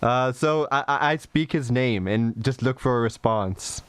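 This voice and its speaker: A man's voice: medium pitch, a little slow, smooth. A man playing a tabletop game, speaking with hesitant starts. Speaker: player. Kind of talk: casual game talk.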